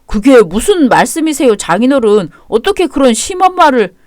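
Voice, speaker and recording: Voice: high-pitched, very animated, normal speed, no room sound, studio quality. An actor playing a flustered, meek young husband. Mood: protesting. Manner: nervous, placating.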